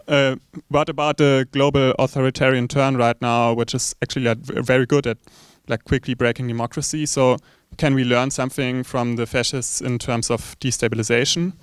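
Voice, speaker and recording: A man from Germany with a German accent, posing a spontaneous academic question in halting, searching phrases. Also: mid-range voice, flat delivery, smooth, no echo. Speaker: audience questioner.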